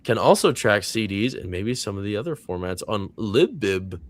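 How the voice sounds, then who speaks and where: A man's voice: on the low side, lively intonation, normal speed, dry recording. A man hosting a casual live movie reaction stream. He reads viewer comments aloud and rambles with plenty of fillers. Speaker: host of a movie reaction panel.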